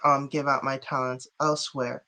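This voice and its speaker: A man's voice: mid-range voice, little pitch movement, moderate pace, sharp tone. A man from Chicago, a guest artist and rapper, chatting casually in an interview with frequent giggles.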